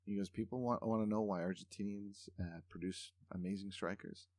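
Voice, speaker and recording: A man with a deep, low voice hosts a casual podcast interview. He talks in long, earnest, reflective turns. The sound is dry and close, with no room around it. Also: steady tone, brisk, a little mellow, dry recording. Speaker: podcast host.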